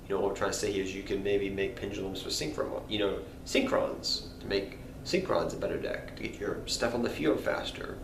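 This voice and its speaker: Here the card game host's voice sits at medium pitch with a fairly bright tone, nasal from a cold. Talking to camera, he rambles casually, repeats himself, and apologizes, with room echo and faint background noise.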